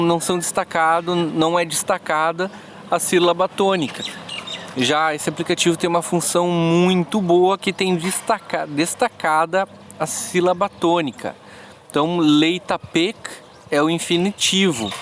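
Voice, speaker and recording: A man with a slightly raised voice talks through a language app tutorial. He explains slowly, restarting phrases as he goes. A faint hum sits behind him. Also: fairly high pitch, fairly bright tone. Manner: slow, halting explanations with frequent restarts. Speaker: language teacher. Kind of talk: screen-recorded app tutorial.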